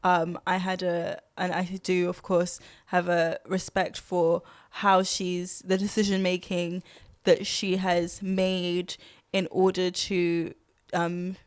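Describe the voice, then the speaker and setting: Slow and smooth, this young woman's low voice stays level as she talks candidly and thoughtfully as a podcast guest, with frequent fillers, restarts, and ready laughter. She grew up partly in Zimbabwe and London, and the clean studio recording has no room sound.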